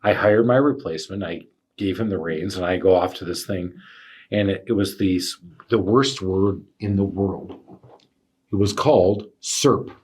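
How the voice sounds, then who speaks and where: A man telling his own workplace stories as a podcast host, animated and full of fillers. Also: low-pitched, moderate pace, husky. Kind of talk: casual storytelling chat.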